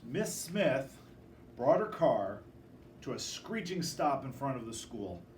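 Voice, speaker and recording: Expressive male storyteller, animated, distant mic. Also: mid-range voice, takes it slowly, echoey room. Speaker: storybook reader. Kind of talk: children's picture book read-aloud. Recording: distant microphone with faint background noise.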